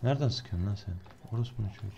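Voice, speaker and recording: A young man commentating his own gameplay, swearing a lot and swinging from low muttering to high-pitched yelling. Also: rapid-fire, vocal fry, highs cut off, a little hiss or hum. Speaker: gameplay streamer.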